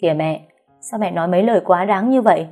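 A woman's voice: on the low side, fast talker, dark tone, soft background music, natural voice. A woman voicing a good-natured, easygoing husband in a breezy, casual way.

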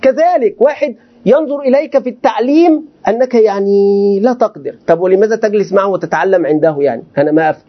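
A man's voice: high-pitched, fast, dull audio. A man, a sheikh, lecturing students on Quranic commentary and asking them rhetorical questions. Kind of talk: classroom lecture.

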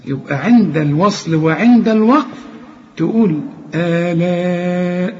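A man with an Egyptian accent teaching Quran recitation, explaining each rule step by step and then chanting the words slowly. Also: a little high, sing-song, warm tone, a little hiss or hum. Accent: Egyptian Arabic. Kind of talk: tajweed lesson with chanted examples. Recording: dull lo-fi recording with long reverb.

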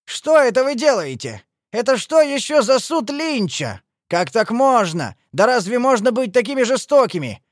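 A man's voice: huge pitch swings, measured pace, few pauses, slightly rough, no room sound, studio quality, exaggerated voice. A man voicing a fussy, owlish old bald man who shrilly protests from a window in a storybook reading. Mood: indignant. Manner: shrill and pleading.

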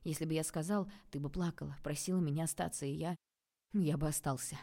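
Woman voicing a soft-spoken guilty young man. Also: low voice, fairly even intonation, a little fast. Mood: pleading. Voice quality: quiet, hushed.

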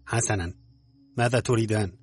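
A man's voice: lowish voice, fairly quick, a little mellow, slightly rough, faint music behind. A man reading an audiobook, voicing a tall woman who speaks in a curt, suspicious way. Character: sharp-tongued tall woman, wary and curt.

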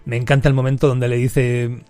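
A man's voice: medium pitch, a little fast, clean tone, faint music behind. A man, hosting a podcast and casually retelling a film, acting out the characters' lines as he goes. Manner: lively storyteller who acts out character quotes. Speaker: podcast host.

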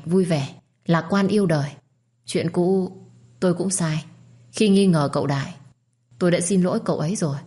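Brisk, cheerful young noblewoman in a storybook, quick and reassuring, read by a woman. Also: on the low side, warm tone, close to an everyday voice.

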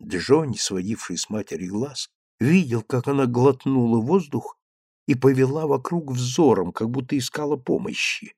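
A man narrating an audiobook in an expressive, animated manner. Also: mid-range voice, moderate pace, no echo, clean studio sound. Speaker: reader.

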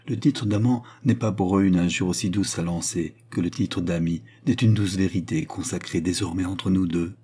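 Man voicing impassioned queen, dark husky tone, audiobook. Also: low voice, moderate pace, hardly any pauses. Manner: impassioned, pleading. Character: proud anguished French queen, woman. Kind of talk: audiobook reading.

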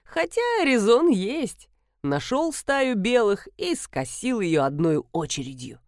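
A woman's voice: mid-range voice, big pitch swings, slow pace, darkish tone, no room sound. A woman voicing a sardonic young man who makes dry, mocking asides.

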